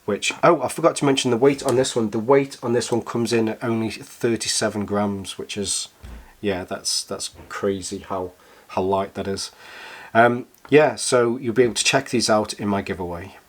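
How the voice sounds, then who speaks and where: A man with a croaky, slightly hoarse voice, chatting casually and enthusiastically as he reviews a product, a little rambling and hesitant. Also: lowish voice, normal speed. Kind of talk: casual review chat to camera.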